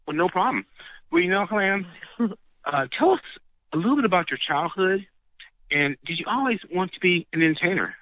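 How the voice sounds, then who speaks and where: A man's voice: high-pitched, animated, a little fast, long pauses, no echo. A man co-hosting an interview show, speaking with enthusiasm. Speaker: co-host. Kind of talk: casual interview chat. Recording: dull lo-fi sound.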